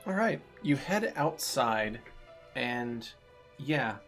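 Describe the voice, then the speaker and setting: A man's voice: medium pitch, very animated, very slow, a bit bright. Male game master, casual tabletop narration with faint music underneath.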